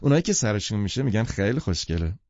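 A man's voice: lowish voice, very animated, a little mellow, no room sound, highs cut off. A man voicing an eager, showy young woman in an audiobook, gushing and demanding. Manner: gushing and quick. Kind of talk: audiobook character voice.

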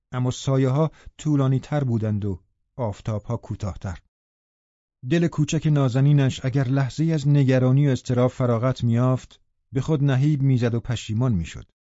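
Male audiobook narrator, measured literary reading, dry close sound. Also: medium pitch, no echo. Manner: measured, even storytelling. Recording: dull lo-fi recording.

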